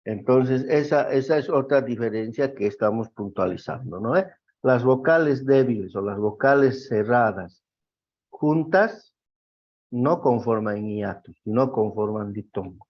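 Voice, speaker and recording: A man teaching a grammar class, explaining slowly and often checking that students follow. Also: mid-range voice. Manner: slow, explanatory, checks with frequent questions. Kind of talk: classroom lecture. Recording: dull lo-fi recording.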